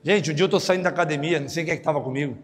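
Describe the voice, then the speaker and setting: A male pastor preaching a lively sermon, joking and acting out the voices of people in his stories. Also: racing. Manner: animated, jokey, acts out other voices with big pitch jumps. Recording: long hall reverb.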